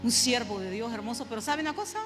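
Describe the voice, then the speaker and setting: A woman's voice: a little high, expressive, fast talker, in a large hall, over music. A middle-aged woman preaching a sermon, emphatic and repetitive, often asking the congregation "¿sabe?". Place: church sanctuary.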